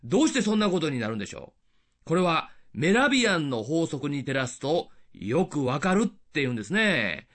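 An older man preaches on the radio in a high, strongly rising and falling voice. He explains patiently and keeps asking questions to the listener. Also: brisk. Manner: lively, explanatory with rhetorical questions. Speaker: radio evangelist. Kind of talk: radio sermon.

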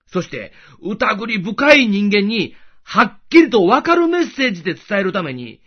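A man with a notably high, very animated voice gives a scripted devotional talk, explaining things gently and patiently. The recording sounds dull and somewhat lo-fi. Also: normal speed.

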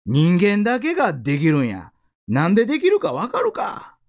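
A man's voice: sits high, huge pitch swings, normal speed, heavily acted. A man voicing a stern but caring band teacher from Osaka, who talks bluntly and barks questions at his students in an Osaka accent. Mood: stern questioning.

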